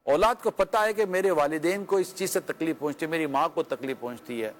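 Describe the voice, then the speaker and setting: A religious scholar with a Pakistani Urdu accent answers a question on marriage in an earnest, conversational way. His voice sits a little high for a man. He mixes pious formulas with pointed rhetorical questions. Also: slight background noise. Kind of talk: religious advice talk.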